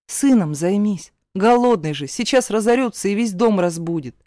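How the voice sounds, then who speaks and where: A woman's voice: medium pitch, animated, normal speed, mellow, no echo, studio quality, lightly acted. A woman reading the lines of a young heroine who snaps back and demands her things, her voice trembling. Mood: defiant. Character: defiant young woman dancer, cornered.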